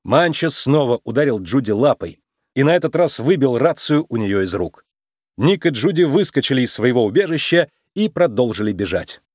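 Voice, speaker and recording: A man narrating a children's storybook aloud with an expressive, animated reading. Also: medium pitch, moderate pace, no room sound, studio quality.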